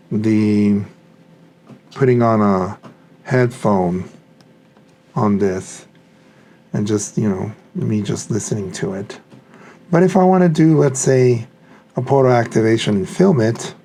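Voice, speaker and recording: A hobbyist product reviewer muses aloud during a casual unboxing, speaking slowly and tentatively as if thinking to himself. His lowish voice is mellow and full of vocal fry, with some background noise.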